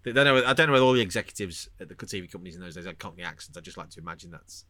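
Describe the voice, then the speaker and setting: A man's voice: low-pitched, animated, racing, a crowd in the background. A British man chatting casually on a podcast, jokey and given to putting on voices mid-story. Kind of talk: casual chat.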